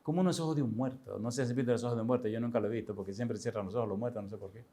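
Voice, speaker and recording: A man's voice: medium pitch, rapid-fire, mellow. A man in his sixties, a pastor, tells a personal story in a sermon, speaking conversationally, addressing listeners directly and chuckling often. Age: 60s.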